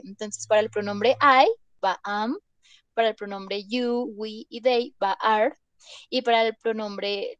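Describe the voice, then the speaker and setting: A woman's voice: on the high side, no echo. A woman teaching an English class, explaining with many examples and checking in with her students. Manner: chatty, explains with examples, asks "¿listo?". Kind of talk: classroom lesson.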